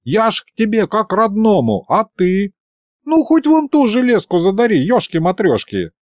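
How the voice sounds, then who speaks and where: Man doing a whiny skeleton wizard, old, scheming, high nagging tone, dry sound. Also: huge pitch swings, moderate pace, no echo. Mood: whining. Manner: wheedling, whining.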